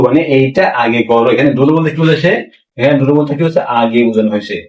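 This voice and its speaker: A man teaching a language lesson, repeating phrases slowly and asking the class rhetorical questions. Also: medium pitch, a little mellow. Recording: roomy, mic far from speaker.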